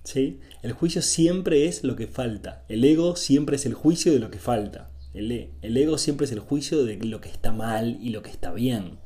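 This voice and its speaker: Giving an informal spiritual talk, a teacher from Argentina uses repeated phrases and brief rhetorical check-ins in a didactic style, with an Argentine accent. He has a mid-range, dark-toned voice with lively intonation, moderate pace, and hardly any pauses.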